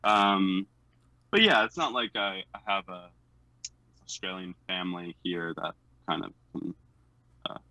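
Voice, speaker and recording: This young American man speaks General American in a low register at a measured pace with long pauses, his voice pushed and bright. He's a guest in a casual chat, hesitant and full of fillers and little laughs. The recording is dry and low quality.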